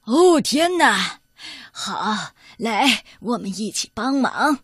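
A woman's voice: fairly high pitch, sing-song, takes it slowly, a little hiss or hum, heavily acted. A woman voicing a commanding male farmer in a children's storybook. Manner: commanding, counting out loud. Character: bossy take-charge male farmer. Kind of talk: storybook reading.

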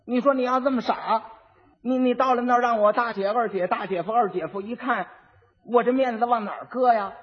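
Brief: sharp young bride coaching her husband, put on by a man, high husky voice. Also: fairly quick. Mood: instructing. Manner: scolding, instructive. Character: clever exasperated young bride. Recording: dull old archive recording with long reverb.

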